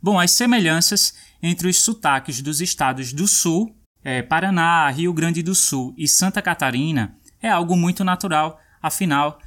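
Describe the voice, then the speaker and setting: A man hosting a language lesson, explaining and demonstrating pronunciations clearly. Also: fairly high pitch, a bit bright. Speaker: host.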